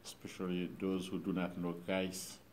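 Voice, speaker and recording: A middle-aged Haitian pastor with a Haitian accent, speaking informally to a church group in a halting way, with many pauses and fillers. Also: male voice, low-pitched, completely flat delivery, a little mellow, a little hiss or hum.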